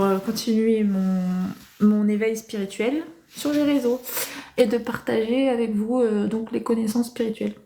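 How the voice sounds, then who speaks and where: A woman hosting a casual livestream, answering viewers' comments calmly and hesitating with many fillers. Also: fairly high pitch. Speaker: livestream host.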